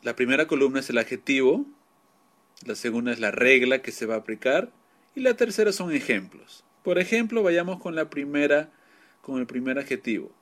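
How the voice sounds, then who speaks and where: A man's voice: medium pitch, expressive, normal speed, fairly bright tone. A man teaching English grammar, patiently explaining each rule and repeating examples in two languages.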